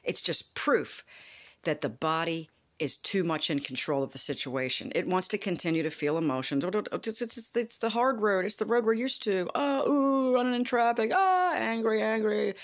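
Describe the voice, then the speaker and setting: A woman's voice: fairly low pitch, animated, brisk. A woman in her fifties giving a rambling, emphatic self-help monologue, with frequent swearing. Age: 50s. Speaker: vlogger.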